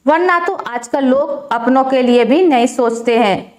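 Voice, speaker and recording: A calm, wise old father-in-law, as a woman storyteller puts him on, gently lectures in a high, even voice. The recording carries a roomy echo. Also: unhurried. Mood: calm advice.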